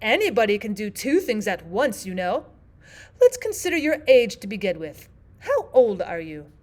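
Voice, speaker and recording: A woman voicing a flighty, very old storybook queen in a loud, emphatic, bossy manner. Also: mid-range voice, big pitch swings, moderate pace, natural voice. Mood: decisive. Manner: loud, emphatic, exclamatory, bossy yet scatterbrained.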